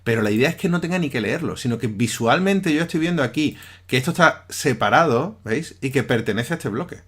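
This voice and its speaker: A man's voice: medium pitch, animated, a little fast, fairly bright tone, slightly rough. A man giving a recorded programming lesson over his screen, talking conversationally and often checking in with his listeners. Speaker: teacher.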